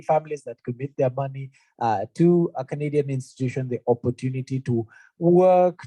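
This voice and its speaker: An earnest young Kenyan university representative talks conversationally to prospective students, dropping in frequent fillers. His voice is warm and medium in pitch, there's no echo, and the in-room presentation is also streamed online.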